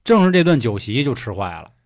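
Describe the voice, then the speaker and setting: A man retells an old story in casual, joking talk. His pitch is lively and moves around a lot. The voice sits at a middle height. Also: brisk. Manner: chatty, joking, colloquial. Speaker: podcast co-host.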